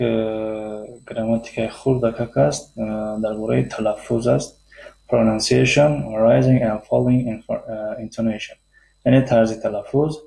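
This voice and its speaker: A man with a Tajik accent teaching an English lesson, reading slow English phrases and explaining them quickly with many hesitations. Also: mid-range voice, creaky, warm tone, reverberant. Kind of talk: language lesson explaining textbook dialogue.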